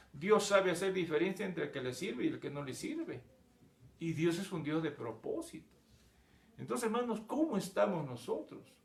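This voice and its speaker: A man's voice: high voice, gravelly, roomy sound. A male pastor preaching a sermon, often repeating words and calling his listeners brothers. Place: church.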